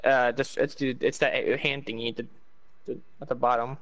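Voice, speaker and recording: A young man chatting casually with a friend while gaming, laid-back and quick to laugh. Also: medium pitch, level tone, fairly bright tone. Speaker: gamer.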